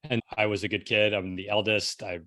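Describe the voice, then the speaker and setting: Brisk and flat in delivery, with a fairly low, sharp-toned voice, this middle-aged New Yorker recounts his own story as a podcast guest. He keeps it casual, peppering it with "like" and a rhetorical "right?"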